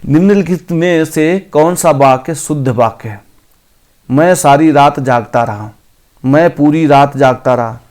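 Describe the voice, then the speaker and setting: A man teaching an exam-prep grammar lesson. He reads each option aloud slowly, then corrects it. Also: fairly high pitch, darkish tone.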